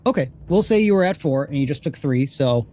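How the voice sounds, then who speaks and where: A man's voice: fairly high pitch, expressive, brisk, warm tone. A man casually running a tabletop role-playing game as the game master, speaking informally.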